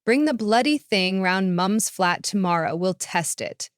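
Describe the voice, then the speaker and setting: A no-nonsense adult sister who speaks bluntly and quickly gets down to business, as a woman reads her. The voice is smooth and clear, with a dry, close sound. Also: medium pitch, animated, no echo, lightly acted.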